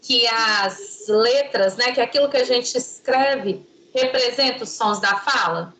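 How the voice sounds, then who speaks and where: A woman's voice: on the high side, unhurried, bright, forceful tone, reverberant, slight background noise, poor audio. A woman teaching an online class, patient and didactic, quizzing her students.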